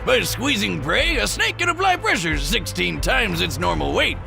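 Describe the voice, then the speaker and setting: A man puts on a brash, folksy know-it-all male sidekick for comic commentary. The voice is extremely gravelly and pitched very high, swinging animatedly over music. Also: very animated, normal speed, heavily acted. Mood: brash, excited. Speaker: co-host. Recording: produced show clip with music bed. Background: prominent music.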